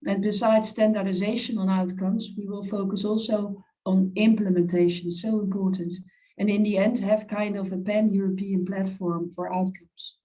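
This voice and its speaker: Mellow-voiced woman explaining a project. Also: mid-range voice, little pitch movement, moderate pace, rough recording. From Netherlands. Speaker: panelist, oncology surgeon. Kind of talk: presenting at a panel webinar.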